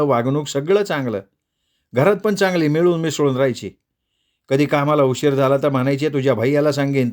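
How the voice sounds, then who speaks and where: A man's voice: medium pitch, darkish tone, close to an everyday voice. A man voicing a plain-spoken older village woman recounting her worries.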